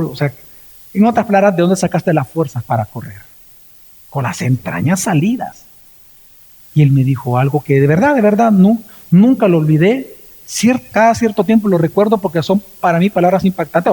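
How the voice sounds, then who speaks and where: Salvadoran pastor preaching in a reverberant hall. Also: male voice, expressive, normal speed, dark tone, slightly rough. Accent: Salvadoran Spanish. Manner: storytelling with acted quotes and swings in pitch. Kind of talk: sermon. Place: church. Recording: long reverb of a church hall.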